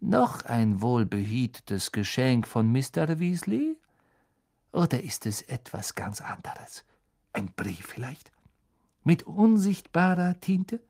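Male reader doing a contemptuous, menacing teacher, drawn-out delivery, lively swoops. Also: mid-range voice, gravelly, full character voice. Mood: sneering. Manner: slow, hissing, contemptuous. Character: cold sneering male schoolmaster, menacing.

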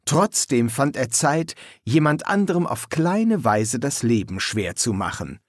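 A man reading an audiobook with expressive, measured narration. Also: medium pitch, no echo, clean studio sound. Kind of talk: scripted narration.

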